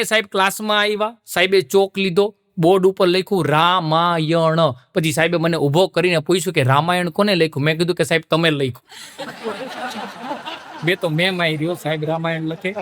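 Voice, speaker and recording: Male comic, high bright voice, dry mic, jokey storyteller. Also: no echo. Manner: laughing storyteller who sings snatches of old songs. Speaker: stand-up comedian. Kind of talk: stand-up joke telling.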